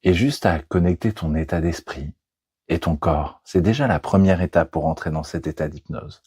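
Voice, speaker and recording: A man with a low, husky voice guides a hypnosis session. His delivery is soothing and deliberate, recorded close and very dry, with no room sound around it. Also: a little mellow, no room sound.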